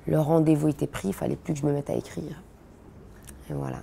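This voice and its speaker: A woman in her thirties, born in Belgium, answering interview questions in a relaxed, chatty way with many fillers and restarts. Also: low-pitched, fast talker, vocal fry, slight background noise. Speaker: interviewee, comedian.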